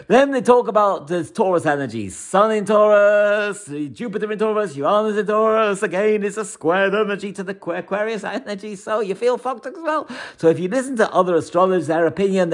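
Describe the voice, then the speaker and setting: Guy doing horoscopes, swears a lot, repeats himself, voice bounces all over, kinda high. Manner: blunt, animated, swears freely, repeats words for emphasis. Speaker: astrologer. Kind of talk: monthly horoscope talk.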